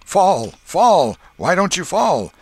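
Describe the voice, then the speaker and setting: A man reading aloud and voicing a bossy, excitable boy who plays at being an outlaw, with loud boyish calls. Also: lowish voice, a little slow, no echo, voice pushed up.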